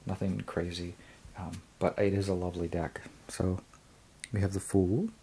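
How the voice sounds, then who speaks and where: A man's voice: sits low, little pitch movement, normal speed, mellow, breathy edge. A man casually reviewing and unboxing a tarot deck, hesitant, with frequent ums and restarts.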